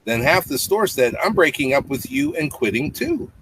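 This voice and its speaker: Reading a bedtime story to children, this father in his fifties pauses for simple explanations aimed at young listeners. He speaks at a normal speed in a fairly high, slightly bright voice that swings widely in pitch. The clearly noisy webcam recording, with clicks, comes from a small indoor home room with a low tiled ceiling.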